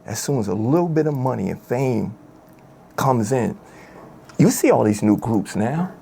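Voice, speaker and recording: Guy with a gravelly husky voice, swings up and down a lot, talks street, keeps saying my dude. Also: medium pitch, expressive, moderate pace, warm tone, slight background noise. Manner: emotional, streetwise slang, repeats "man" and "my dude". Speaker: former rap group member telling his story. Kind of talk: candid storytelling interview.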